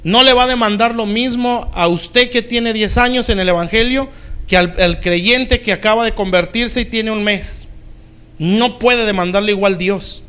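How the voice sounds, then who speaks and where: High-voiced male pastor preaching. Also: normal speed, fairly bright tone, clean tone. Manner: keeps asking the congregation "¿sí?" to check they follow; plain, conversational preaching with everyday sayings. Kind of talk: sermon.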